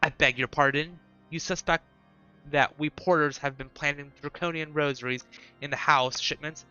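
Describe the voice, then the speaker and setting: A man's voice: on the high side, fairly even intonation, moderate pace, bright, forceful tone, clean tone, dull audio, soft background music. A man reading aloud the lines of an offended, formal male porter from a video game. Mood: indignant. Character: indignant male porter accused of smuggling.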